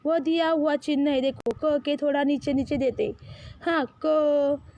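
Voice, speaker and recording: A woman's voice: high voice, steady tone, dark tone, no room sound, lo-fi sound. A woman teaching children the Hindi alphabet, patiently calling out letters and stretching each word for them to repeat. Her first language is Marathi. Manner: slow, drawn-out, patient, calls out letters for repetition.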